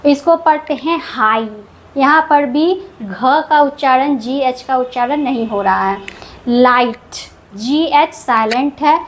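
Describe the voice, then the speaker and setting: Woman teacher, high voice, unhurried, repeats each example word. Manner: slow, repeats example words deliberately. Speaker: English teacher. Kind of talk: explaining pronunciation rules.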